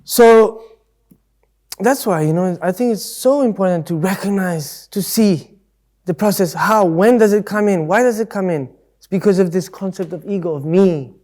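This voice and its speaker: A man speaking at a Buddhist centre in a loose, chatty way, with a voice a little higher than most men's. He talks his ideas through with everyday examples and now and then slips into voicing other people. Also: normal speed, a little mellow. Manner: conversational, leans on everyday examples; acts out voices in quotes. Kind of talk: casual spoken Dharma talk.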